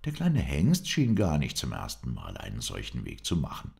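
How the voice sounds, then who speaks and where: A man reading an adventure novel aloud as an audiobook in an even storytelling manner. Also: extremely low pitch, moderate pace, gravelly. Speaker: audiobook reader.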